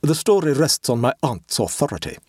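A man doing a cool, deadpan teller of tall tales. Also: medium pitch, fairly quick, husky, no echo, studio quality. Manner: cool, deadpan, with dramatic emphasis. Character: dry, evasive man telling a tall tale.

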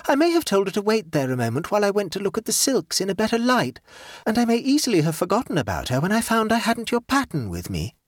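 A chattering society lady, cheerful and hopelessly absent-minded, rambling on in a high, bright, swooping voice, as a male narrator puts her on. The tone is a little husky and very dry, as in a storybook read aloud. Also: huge pitch swings, quick pace, no room sound, exaggerated voice. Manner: breezy, rambling.

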